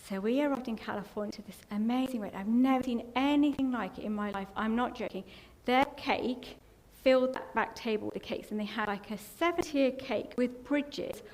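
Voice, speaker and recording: A woman's voice: fairly high pitch, brisk, hardly any pauses, a little mellow. A middle-aged English woman giving a personal testimony in a church, telling a rambling, emotional story that at times chokes with tears. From England. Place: church hall. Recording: long hall reverb, faint background noise.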